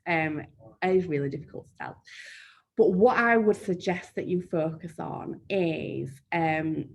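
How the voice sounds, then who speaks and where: A woman's voice: on the low side, a little hiss or hum. A woman with a broad Yorkshire accent presenting a live marketing webinar and answering questions in a chatty, down-to-earth way, with frequent "um" fillers. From Yorkshire, England. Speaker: marketing trainer.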